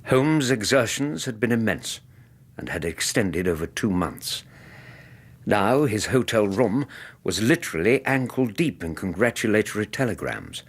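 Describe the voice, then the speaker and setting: An English actor playing a loyal, caring doctor in a radio drama, measured and gentle in narration and dialogue. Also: male voice, on the low side, big pitch swings, husky, heavily acted. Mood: grave, reflective.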